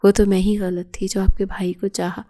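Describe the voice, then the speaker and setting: A woman voicing an outspoken young woman who speaks up for her sister, in a low-key emotional reading. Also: level tone, dark tone, close to an everyday voice. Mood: earnest.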